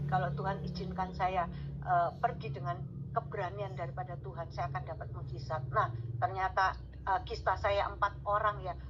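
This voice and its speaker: A woman's voice: fairly bright tone, breathy edge, highs cut off. A woman giving a conversational sermon testimony over a video call, addressing her listeners directly and acting out the voices she quotes. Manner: conversational, fillers of gitu ya, addresses listeners as saudara; acts out quoted voices with sharply raised pitch.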